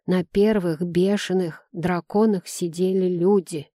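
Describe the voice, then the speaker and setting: A shaken old coachman, in an audiobook, as a woman reader puts him on, speaks in a slow, low, hushed way with halting pauses. The voice is mellow and dry, with no room around it. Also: fairly even intonation, no room sound, natural voice. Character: elderly male coachman, frightened and hesitant.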